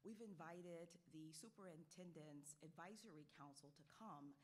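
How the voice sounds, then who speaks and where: A woman's voice: low-pitched, normal speed, slight background noise. A woman giving a formal address at a meeting as a presenter. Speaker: school district presenter.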